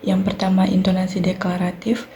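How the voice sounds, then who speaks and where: A young woman with an Indonesian accent, a university student giving a clear, methodical recorded class presentation on sentence structure. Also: lowish voice, completely flat delivery, a little fast, dark tone, a little hiss or hum. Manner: clear explanatory delivery, fillers like "nah" and "baik".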